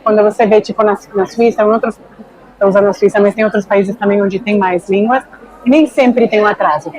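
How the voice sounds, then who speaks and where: A woman's voice: mid-range voice, fairly even intonation, fairly quick, darkish tone, poor audio. A woman from Argentina, a neuroscientist guest explaining things thoughtfully in a conversation. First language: Spanish. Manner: thoughtful, often checks in with "né".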